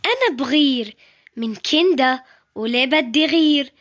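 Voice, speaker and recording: A woman voicing several characters in a home-made series, switching between excited, tearful and soothing lines. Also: high-pitched, normal speed.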